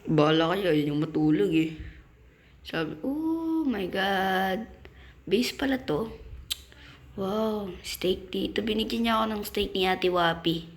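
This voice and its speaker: A man with a Filipino accent hosting a gaming channel, giving excitable casual commentary as he plays and exclaiming when things go wrong. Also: high-pitched, unhurried. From Philippines. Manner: excitable, yelps and exclaims while playing.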